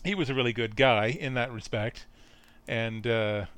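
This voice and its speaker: A man's voice: medium pitch, normal speed, a crowd in the background. Man, podcast co-host, casual chat, dry quips, short interjections.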